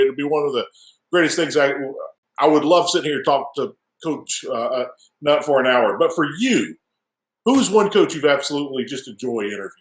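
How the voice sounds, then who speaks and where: Excitable male host in an echoey room. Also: medium pitch. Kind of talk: casual interview chat.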